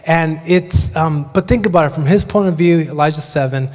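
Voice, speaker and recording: A middle-aged male pastor preaching a sermon in a large church, telling chatty, self-deprecating stories with animated asides. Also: fairly high pitch, moderate pace. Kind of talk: sermon with humorous storytelling. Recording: long church hall reverb.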